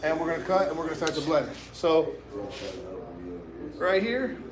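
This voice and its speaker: A man's voice: fairly high pitch, lively intonation, moderate pace, reverberant, a crowd in the background. A man hosting a live haircut tutorial as a barber, talking casually and in slang straight to his viewers. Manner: informal, slangy, addresses viewers directly. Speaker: barber and livestream host giving a haircut tutorial.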